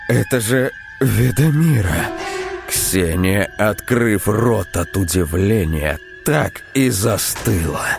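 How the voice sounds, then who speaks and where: A man reads a story aloud in a measured, even delivery. His voice is very deep and his pace slow. Faint music plays under the reading. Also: vocal fry. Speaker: narrator. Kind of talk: audiobook narration.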